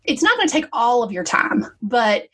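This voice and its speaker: A woman's voice: fairly high pitch, very animated, moderate pace, fairly bright tone, husky. A woman giving casual baking advice in a chatty, storytelling way, lifting her voice to act out quotes. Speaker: baking guest giving tips.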